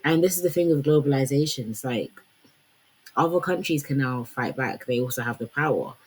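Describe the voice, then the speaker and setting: A woman's voice: very deep voice, a little fast, a little hiss or hum, poor audio. A young woman giving casual commentary on fashion and branding, chatty and full of fillers. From Congolese heritage. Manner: conversational, lots of fillers like "like" and "you know".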